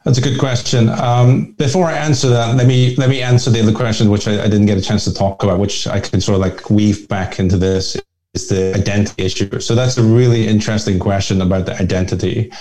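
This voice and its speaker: Deep-voiced man, reflective interview guest. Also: steady tone, brisk, mellow. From Northern Ireland. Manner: reflective, discursive, frequent restarts. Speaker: guest, family office chairman. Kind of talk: conversational interview.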